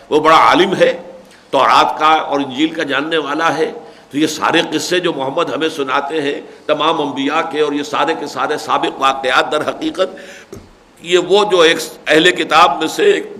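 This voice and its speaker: A man's voice: a little high, bright, forceful tone. An older man giving a religious lecture, reciting Arabic verses and then explaining them patiently. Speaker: Quran scholar giving tafseer.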